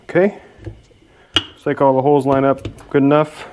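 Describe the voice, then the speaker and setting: Medium in pitch with little pitch movement, the man speaks at normal speed while fixing machinery in his workshop for a video. His narration is casual and self-deprecating, and a little hiss or hum can be heard.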